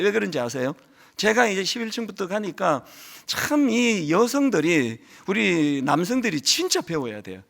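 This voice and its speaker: A man's voice: high-pitched, creaky. A man preaching a sermon as a pastor, telling stories and acting out the voices of his church members. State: lingering cold.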